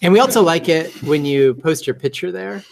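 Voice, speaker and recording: A man hosting a meetup. His voice is high and nasal, and he talks in a chatty, joking way, restarting his sentences and filling pauses with ums. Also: animated, gravelly, background noise. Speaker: meetup host. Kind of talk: casual talk to a group.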